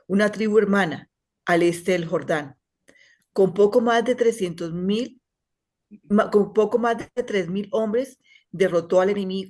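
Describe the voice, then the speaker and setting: A woman reading a passage aloud to a study group over a video call, steady with small slips she corrects. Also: medium pitch.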